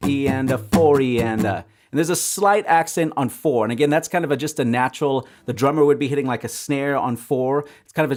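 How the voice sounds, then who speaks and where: A man giving an acoustic guitar lesson, explaining strumming patterns and counting sixteenth notes out loud in a relaxed, explanatory way. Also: mid-range voice. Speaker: guitar teacher. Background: acoustic guitar playing.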